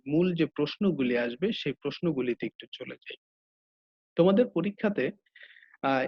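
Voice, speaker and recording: A male teacher with a Bangladeshi Bengali accent gives a slide-based grammar lesson, patiently repeating each rule twice. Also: a little high. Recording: dull lo-fi audio.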